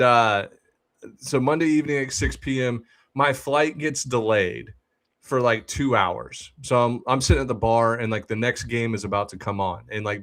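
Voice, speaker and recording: A young man hosting a casual sports podcast tells a funny story. He is animated, acting out the voices of the people he quotes. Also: medium pitch. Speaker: podcast host.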